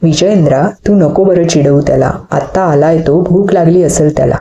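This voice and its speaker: Woman doing a fussy old granny sticking up for the little one, low mellow voice, muffled sound. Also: moderate pace. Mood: coaxing. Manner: soothing, coaxing. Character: fussing, protective old grandmother.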